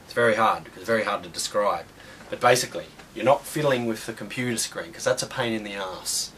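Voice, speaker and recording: Rambling low-voiced man in a home studio. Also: fast, fairly bright tone, a little hiss or hum. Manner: rambling, frequent ums and restarts, blunt and offhand. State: voice going hoarse. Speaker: home studio tutorial host. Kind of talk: casual equipment walkthrough.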